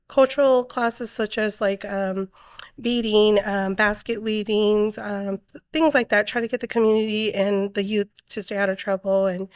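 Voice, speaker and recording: Halting woman with a smooth, dry voice. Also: medium pitch, no echo. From Arizona. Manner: halting, many fillers and throat clearing. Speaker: guest, project coordinator. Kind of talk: casual interview talk.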